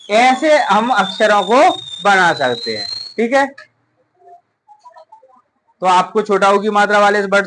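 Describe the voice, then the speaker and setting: A woman's voice: mid-range voice, fairly bright tone, slight background noise, low-quality recording. Woman drilling vowel signs. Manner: drilling, asks questions and answers them herself. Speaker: teacher. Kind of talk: children's Hindi phonics lesson. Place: coaching classroom.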